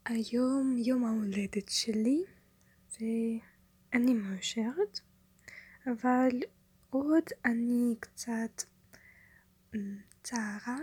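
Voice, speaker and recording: A young woman, a non-native Hebrew speaker with a foreign accent, introduces herself in simple, hesitant phrases, searching for words in a breathy voice. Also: a little high, darkish tone, dry recording. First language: not a native Hebrew speaker. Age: young adult. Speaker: language learner, university student. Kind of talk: simple self-introduction in a learned language.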